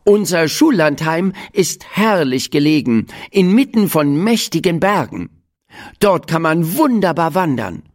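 A storyteller puts on a cheerful, firm woman teacher from a children's storybook, her voice raised well above the reader's own and swooping widely as she coaxes answers from the class. She speaks at an unhurried pace, patient but not to be argued with. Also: medium pitch, big pitch swings, pitched above the performer's own voice. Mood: instructive. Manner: bright, coaxing classroom tone, asking the class questions. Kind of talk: storybook reading.

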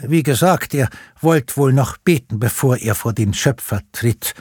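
A man's voice: medium pitch, measured pace, a little mellow, breathy edge, no echo, studio quality, voice pushed up. A man doing a mumbling, guilty sexton. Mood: sheepish. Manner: mumbling, sheepish.

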